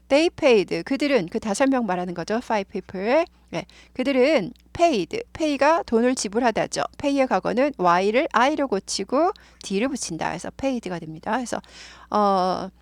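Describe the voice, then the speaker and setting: A woman's voice: on the high side, no room sound. A woman with a Korean accent teaching English words and pronunciation, repeating each word over and over for learners to follow. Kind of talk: explaining English vocabulary and pronunciation.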